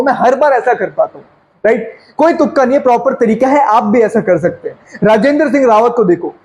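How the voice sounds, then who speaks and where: A man, teaching a sales lesson in an energetic, fast, conversational way and slipping English phrases into his talk. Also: very high-pitched, poor audio. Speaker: sales coach. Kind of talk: sales training lecture.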